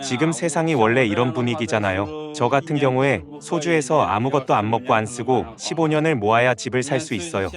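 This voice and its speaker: A man's voice: mid-range voice, animated, fairly quick, few pauses, a crowd in the background. A man in his twenties, answering interview questions bluntly. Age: 20s.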